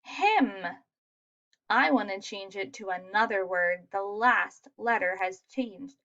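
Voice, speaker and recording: Slow-paced woman teaching phonics. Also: medium pitch, pushed and bright, highs cut off. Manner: slow, sounding out letters, encouraging. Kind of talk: phonics lesson for young children.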